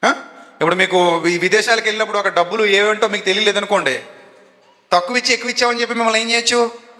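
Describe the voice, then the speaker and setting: Male preacher, high and sharp-toned, quizzing his congregation mid-sermon; echoing church hall. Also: steady tone, fast talker. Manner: fires questions at the congregation and has them answer. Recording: echoey hall reverb.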